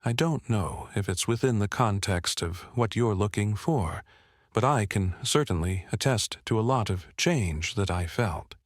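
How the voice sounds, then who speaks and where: A Vietnamese man in his fifties whose first language is French recalls his memories in an oral history interview. His fairly low voice is animated and a little slow, recorded dry and close with no room sound. He explains things and often checks in with "right?" and "you know."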